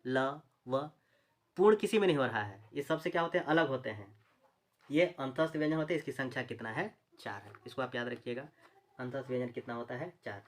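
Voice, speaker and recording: A man teaching a Hindi phonetics lesson for exam preparation, repeating terms and asking the viewer questions before answering them. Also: medium pitch. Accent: Chhattisgarhi Hindi.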